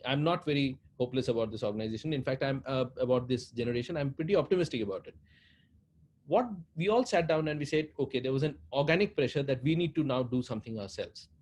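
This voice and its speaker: A man with an Indian accent speaks as an interview guest in a medium-pitched voice. He explains earnestly and repeats phrases for emphasis. There is clear background noise in the recording. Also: a little mellow. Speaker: interview guest, head of a social foundation. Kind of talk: interview talk, explaining at length.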